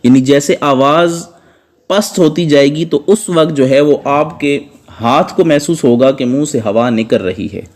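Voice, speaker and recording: A man with a somewhat high voice teaches a recitation class. He works step by step and repeats each sound carefully so students can imitate it. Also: a little mellow. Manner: patient, repeats sounds slowly to model pronunciation. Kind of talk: step-by-step tajweed lesson.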